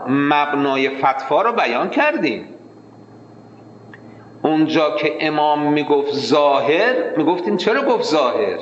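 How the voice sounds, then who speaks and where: A man teaching a jurisprudence class, lecturing with energy and slowing into a chanted reading of the text. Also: on the high side, a bit bright, slight background noise. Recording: echoey hall, dull lo-fi sound.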